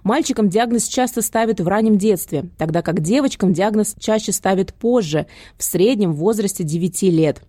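A woman's voice: medium pitch, moderate pace, few pauses, mellow, dry recording, studio quality. A woman reading scripted narration for a news report as a reporter. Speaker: radio reporter.

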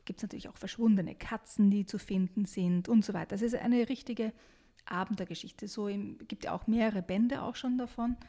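A woman with a warm, mellow voice talks about a book and then reads from it. She reads with lively expression and calls out the characters' shouts loudly. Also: mid-range voice, normal speed. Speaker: book reviewer reading an excerpt aloud. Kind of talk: book chat and reading aloud.

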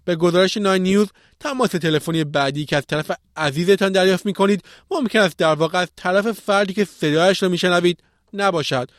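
Male news presenter for a podcast, scripted read, fairly high pitch, close dry studio sound. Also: no room sound.

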